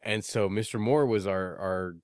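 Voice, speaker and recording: A man with a fairly low voice chats and teases on a podcast, cursing now and then. The sound is close and dry, with no room behind it. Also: moderate pace, no echo. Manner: joking, teasing, swears casually. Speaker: podcast co-host. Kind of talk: casual chat.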